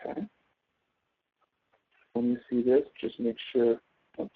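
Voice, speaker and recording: Speaking slowly in a mid-range, level voice, a male tutor explains spreadsheet work step by step over a thin, phone-like connection. He regularly tosses in tag questions to confirm the listener understands.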